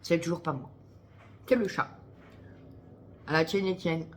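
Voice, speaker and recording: A woman's voice: deep voice, measured pace, a little hiss or hum. A woman vlogging in casual chat to camera, chatty and swearing freely, talking through a headset.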